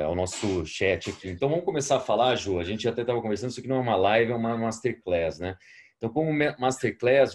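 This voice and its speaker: Chatty Brazilian man hosting a live webinar. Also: on the low side. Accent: Brazilian Portuguese. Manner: chatty, reads out audience messages. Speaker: host of an online masterclass.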